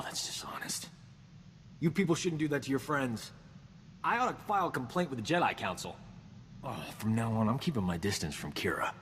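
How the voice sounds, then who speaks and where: A man's voice: mid-range voice, in a large hall, a little hiss or hum, close to an everyday voice. A man playing a cocky, vain space doctor. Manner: cocky, self-important, wisecracking. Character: boastful roguish male doctor, vain and flippant. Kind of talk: video game character dialogue.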